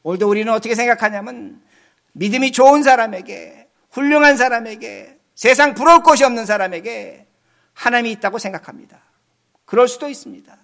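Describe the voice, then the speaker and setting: A male pastor preaching a sermon, swinging between loud emphatic lines and soft, low asides. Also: a little fast, creaky.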